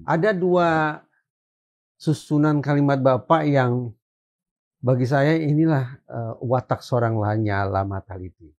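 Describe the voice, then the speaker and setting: A man hosting a talk show, pressing his guest with quick, probing follow-up questions. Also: medium pitch, a little mellow, lo-fi sound. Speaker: host, interviewer.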